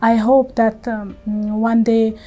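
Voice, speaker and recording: A woman in her forties with an Afghan accent, speaking as an activist in an interview, earnest and halting with frequent fillers. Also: a little high, flat delivery, warm tone, soft background music, rough recording. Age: 40s. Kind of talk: interview testimony. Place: bright indoor room with plants.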